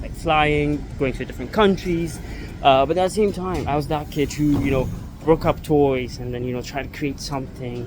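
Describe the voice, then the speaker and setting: A man's voice: a little high, noisy background. A man in his twenties, from Ethiopia, talking casually to camera in a vlog and rambling with lots of fillers and restarts as he moves around the city. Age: 20s. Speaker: startup founder vlogger. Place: New York City, walking around and at the gym. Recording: background music under voice.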